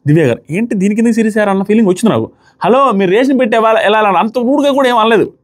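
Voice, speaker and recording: Fast-talking animated male reviewer. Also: high voice. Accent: Telugu. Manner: animated, acts out quoted lines in shifting voices. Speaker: reality show reviewer. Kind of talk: casual commentary recapping with quoted dialogue.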